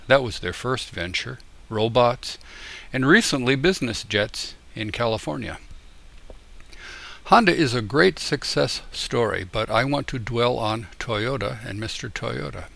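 An older man from the United States reading a letter aloud in a deliberate, explanatory way. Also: mid-range voice, gravelly, fairly bright tone. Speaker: tutor and YouTuber.

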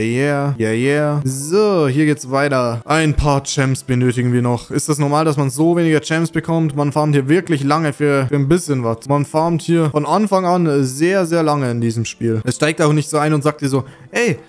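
Young male gamer, fairly high voice, chatty and excitable, faint music underneath. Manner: chatty, excitable, pleading with the game. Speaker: gaming YouTuber. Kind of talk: casual let's-play commentary.

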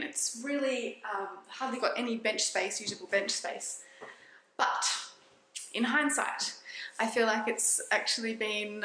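A woman in her thirties talking to a handheld camera in a vlog, reflective and chatty with soft laughs. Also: mid-range voice, a little hiss or hum. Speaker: vlogger. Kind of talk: casual vlog talk to camera. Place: small indoor rooms of a house. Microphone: phone camera held at arm's length. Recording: roomy sound.

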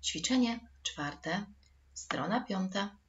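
A woman's voice: medium pitch, lively intonation, slow pace, lo-fi sound, a little hiss or hum. A woman teaching a recorded school lesson for children, patient and addressing the pupils directly.

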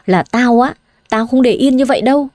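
A woman's voice: on the high side, brisk, no echo, clean studio sound, natural voice. A woman voicing a blunt, fiery young woman who urges her friend to stand up for herself. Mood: urging. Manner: forceful, urging.

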